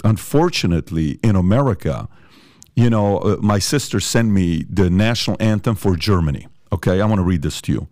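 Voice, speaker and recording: A man's voice: sits low, darkish tone, dry recording, clean studio sound. A man from Iran hosting a podcast, giving his opinions emphatically and proudly, speeding up when riled.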